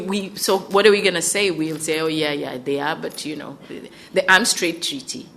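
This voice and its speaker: A woman's voice: fairly low pitch, fairly bright tone, slight background noise. A woman from West Africa speaking as a conference panelist, earnest and emphatic, often restarting her sentences. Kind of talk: panel discussion remarks. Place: conference hall.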